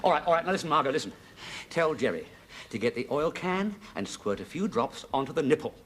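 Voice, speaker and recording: An excitable husband. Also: male voice, a little high, slight background noise. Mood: flustered. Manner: chatty, quickly flustered and exasperated. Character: cheerful, excitable self-sufficient husband. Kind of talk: 1970s sitcom acting.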